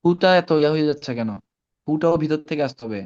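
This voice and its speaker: A man teaching Arabic pronunciation in an online class, drilling sounds slowly and correcting students by name. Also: fairly high pitch, darkish tone, dull audio. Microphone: video call.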